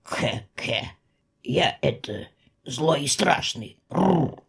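A woman voicing a clumsy, sheepish male werewolf in an audiobook, with a low growling mutter. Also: very animated, unhurried, a little mellow, slightly rough, heavily acted. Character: awkward male werewolf, gruff but timid. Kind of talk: audiobook character voice.

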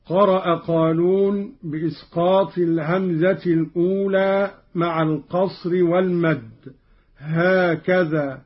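A man giving a measured radio lesson on Quran readings, explaining each reading and chanting the quoted verses, on a dull lo-fi old radio recording. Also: high-pitched, fairly even intonation, husky.

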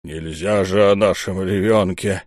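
A man's voice: low voice, fairly even intonation, takes it slowly, a little mellow, no room sound, clean studio sound. Man playing a hesitant older servant, muttering and unsure. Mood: timid doubt. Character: timid older male temple servant.

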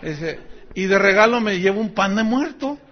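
High-voiced Mexican pastor, joking sermon. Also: male voice, expressive, moderate pace, highs cut off. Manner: chatty and joking, acting out quoted voices. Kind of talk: sermon with personal anecdotes.

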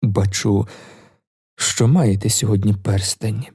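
Man voicing a bitter young poet, low muffled rough voice, gravelly, dark, audiobook. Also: animated, normal speed, dry recording, studio quality.

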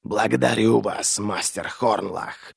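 A man voicing a stern crippled male inquisitor who questions prisoners slowly and coldly. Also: lowish voice, creaky, husky, no room sound, studio quality, exaggerated voice. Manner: slow, cold, deliberate questioning.

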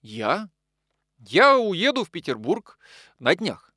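A man reading an audiobook and voicing an earnest young man who speaks calmly and now and then sharply. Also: high-pitched, slow, no echo, clean studio sound, voice pushed up, exaggerated voice. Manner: calm, earnest, sometimes sharp.

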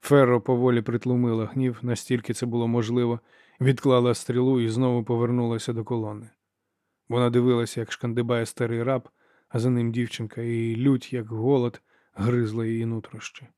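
A man narrates an audiobook with a steady, measured delivery at a middle pitch. The recording is close and dry, with no room sound. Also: no room sound. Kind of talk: scripted narration.

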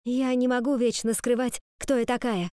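A woman's voice: fairly high pitch, steady tone, normal speed, mellow, smooth, no room sound, studio quality, pitched above the performer's own voice, lightly acted. A woman reading the part of a tearful dance teacher who pleads anxiously in a raised voice. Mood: pleading.

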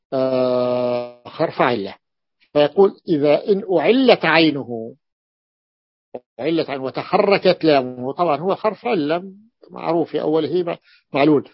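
Higher-voiced sheikh teaching, repeating examples. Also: male voice, dry recording. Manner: repeats phrases, stresses examples. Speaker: sheikh teaching Arabic morphology. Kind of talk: classroom lesson explanation. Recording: muffled lo-fi recording.

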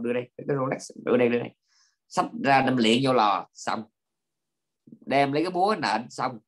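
A man, a Buddhist monk giving an informal dharma talk, lively and full of fillers and repeated words. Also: a little high. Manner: lively storytelling with frequent fillers and repetitions.

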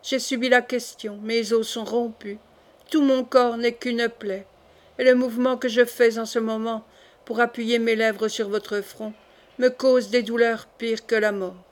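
A woman's voice: fairly high pitch, little pitch movement, measured pace, natural voice. A woman reading the lines of a tortured young male nobleman, weak and resigned, in a subdued audiobook voice.

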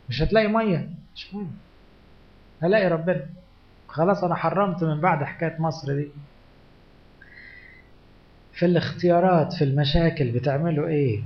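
A somewhat high-pitched man with an Egyptian Arabic accent preaches a sermon, firing rhetorical questions at his audience and acting out scripture stories. His voice rings through a roomy conference hall. The conference tape sounds dull and lo-fi. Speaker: priest.

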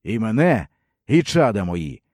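A man's voice: big pitch swings, unhurried, a little mellow, no echo, clean studio sound. A man reading a grave young prince's oath. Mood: solemn. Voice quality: low and grave. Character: solemn young male prince taking an oath. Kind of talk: audiobook character voice.

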